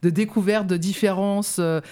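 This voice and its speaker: In this local radio interview, the guest, a woman who works as a youth mobility officer, describes her job at length with many hesitations. She has a mid-range, smooth, dark-toned voice, speaking steadily at a moderate pace.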